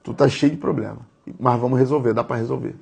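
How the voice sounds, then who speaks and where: A man's voice: medium pitch, fairly even intonation, fast, vocal fry, darkish tone, slightly rough. A man in his thirties giving a conversational, earnest devotional sermon, speaking directly to his listeners. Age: 30s. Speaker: preacher.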